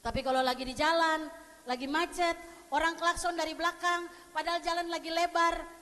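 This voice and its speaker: A woman's voice: very high voice, little pitch movement, a little fast, sharp tone. A woman pastor preaching a sermon in a conversational, humorous way, often asking the congregation questions. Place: church sanctuary. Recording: long church hall reverb.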